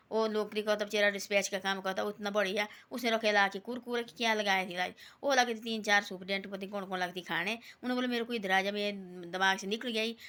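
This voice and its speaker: A woman with a bright, ringing voice talks in a casual, rambling way. She retells a simple moral story and slips into quoted lines as she goes. Her delivery is homely and devotional. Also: medium pitch. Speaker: devotional vlogger.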